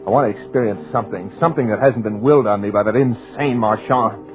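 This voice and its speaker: A man with a fairly low, natural-sounding voice speaks quickly, playing a hypnotized writer in a 1940s radio drama. In desperate, breathless bursts he narrates his own helpless terror from the inside. The old recording is rough, with music underneath.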